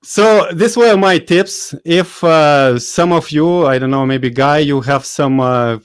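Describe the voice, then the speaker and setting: A man's voice: fairly high pitch, takes it slowly, clear, resonant tone, dry recording. A man with a Lithuanian accent hosting a live webinar, chatty and hesitant, with many fillers and laughs. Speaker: host. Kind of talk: casual live webinar chat.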